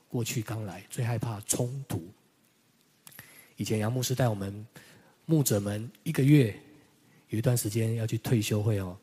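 A man pastor delivering a sermon, telling personal stories, moving between loud emphasis and quiet, reflective passages. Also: lowish voice, husky.

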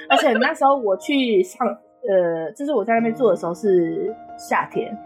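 A young woman co-hosting a podcast, telling workplace stories in an exasperated, animated casual chat. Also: medium pitch, moderate pace, over music. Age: young adult. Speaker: podcast co-host.

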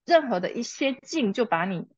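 A woman's voice: on the high side, sing-song, normal speed, husky, dry recording, muffled recording. A woman, a mother and interview guest, telling a personal story and often laughing. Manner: laughs often, quotes herself and her child.

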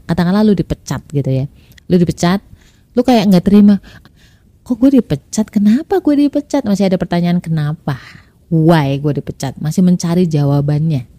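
Mellow low-voiced woman host. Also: no room sound. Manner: chatty, acts out quoted inner voices. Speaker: podcast host. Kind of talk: casual religious self-help talk.

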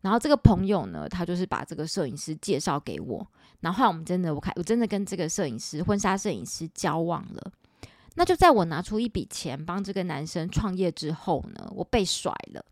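Animated Taiwanese woman telling stories. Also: fairly low pitch, fast talker, no echo, studio quality. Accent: Taiwanese Mandarin. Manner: animated, chatty, dramatic retelling with quoted dialogue. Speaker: podcast host. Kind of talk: personal storytelling podcast.

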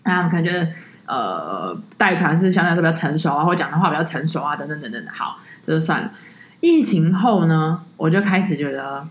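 Her voice is low and brisk as she tells animated stories from her tour-leading job on a casual podcast, where she's a co-host doing voices for the people she quotes. The sound is roomy, with slight background noise.

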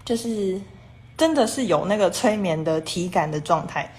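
A livestream host with a lowish, expressive, slightly mellow voice speaks at a normal speed against faint background noise. She rambles repetitively, joining clauses with "and then" while chatting about viewers' comments.

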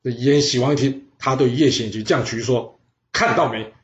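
A man telling a history audiobook in a lively, chatty way with asides to the listener. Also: mid-range voice, brisk. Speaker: storyteller. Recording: roomy, slightly dull audio.

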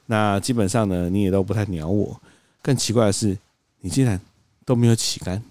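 A man, co-hosting a podcast, telling a story in an animated way and acting out quoted lines. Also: on the low side, fairly quick, no room sound. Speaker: podcast co-host. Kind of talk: casual storytelling chat.

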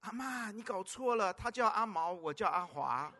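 A man doing a slow, calm father. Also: high-pitched, full character voice. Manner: slow, soft, soothing. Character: calm, patient young father.

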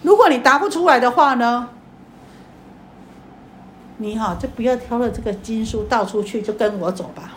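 A woman's voice: a little high, animated, normal speed, long pauses, a little hiss or hum, natural voice. A woman voicing a shrewd old woman who sells snacks and teases with a riddle, told inside a Buddhist teaching story. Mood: teasing. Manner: teasing, challenging.

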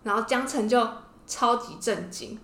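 A podcast host with a Taiwanese Mandarin accent tells and explains a story casually, her voice slightly high, a bit bright, and unhurried. The room is roomy and echoing.

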